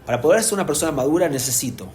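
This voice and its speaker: Un hombre con acento que da una clase en vivo a padres como rabino, explicando con ánimo y preguntando a menudo si se entiende. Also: male voice, on the high side, very fast. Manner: animated, explanatory, asks "¿se entiende?" often. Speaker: rabbi teaching parents. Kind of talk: live lecture to an audience. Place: community hall with an audience.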